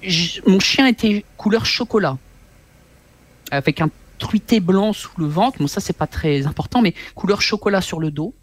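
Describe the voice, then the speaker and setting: A guest author in his forties shares a personal story during an interview, and his voice sits high. He tells it with animation but haltingly, repeating words often.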